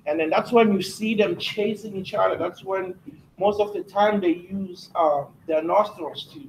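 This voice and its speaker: High-voiced South African man quizzing a class. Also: gravelly, darkish tone. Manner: asks the class questions, halting with fillers. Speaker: guest speaker to schoolchildren. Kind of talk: classroom talk. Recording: roomy, distant classroom recording with faint noise.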